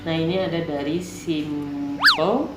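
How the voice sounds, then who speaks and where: A man in his twenties from Indonesia, hosting a relaxed reaction video chat. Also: on the high side, slow pace, echoey room, over loud music. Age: 20s. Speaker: channel host.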